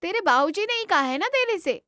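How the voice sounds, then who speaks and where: A woman doing a high, anxious cartoon mother. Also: big pitch swings, brisk, sharp tone, dry recording, clean studio sound, full character voice. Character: village mother, worried and loving.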